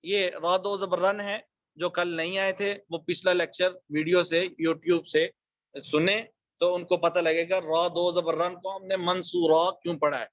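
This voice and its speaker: A man teaching a Quran recitation lesson online, explaining rules quickly and then reciting example words slowly and drawn out. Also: high voice, little pitch movement, fairly bright tone, dry recording, lo-fi sound.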